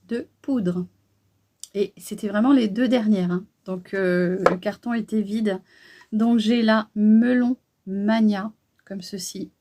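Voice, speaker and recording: Middle-aged female vlogger, mellow tone, casual haul chatter with lots of hesitations. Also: medium pitch. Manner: chatty, hesitant, many fillers. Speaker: beauty vlogger.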